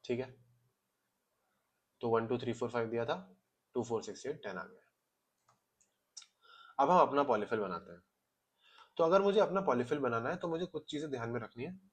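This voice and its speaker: Male coding tutor, mid-pitched, steady step-by-step explainer, Hindi with English terms. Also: normal speed, pauses often. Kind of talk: casual screen-recorded coding lesson.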